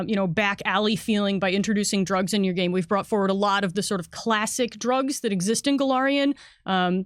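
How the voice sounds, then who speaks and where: Speaking in a medium pitch, a game designer and editor explains a product in a chatty, conversational way for a livestream, fixing her own wording along the way. The recording is clean studio audio without any room sound.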